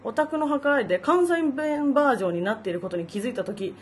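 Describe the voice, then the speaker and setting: Woman co-host for a chatty radio talk show: quick, upbeat delivery, a little above average in pitch. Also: animated, slight background noise. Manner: chatty and upbeat, with laughing asides. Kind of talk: casual radio chat, reading listener mail.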